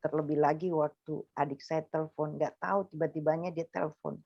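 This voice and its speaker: A woman with a Makassar Indonesian accent giving a personal testimony to a congregation, acting out the dialogue with sudden jumps in pitch. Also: steady tone, brisk, vocal fry, no echo, muffled recording.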